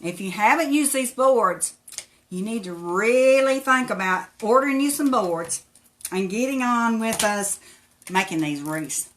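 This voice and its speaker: A woman's voice: fairly high pitch, lively intonation, a little slow, fairly bright tone. A woman from Tennessee with an Appalachian accent, chatting in a folksy way as she hosts a casual live craft demonstration. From Tennessee, United States. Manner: folksy, chatty, thanks viewers by name. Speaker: craft tutorial livestream host.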